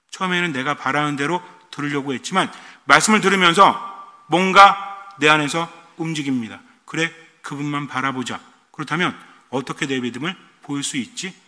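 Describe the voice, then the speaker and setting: Bright, animated preaching man. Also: fairly high pitch, in a large hall. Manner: animated, asks the congregation rhetorical questions. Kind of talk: sermon. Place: church.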